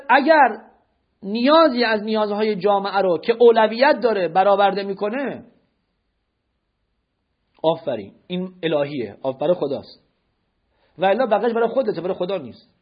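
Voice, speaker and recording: A man's voice: high voice, sing-song, long pauses, slightly rough. A man giving a religious lecture, firing rhetorical questions at his listeners and correcting their notes. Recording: dull lo-fi lecture recording.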